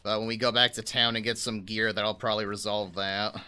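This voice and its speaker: A man's voice: fairly low pitch, flat delivery, a little fast, sharp tone, slight background noise. A man doing casual, chatty live commentary as he streams a video game.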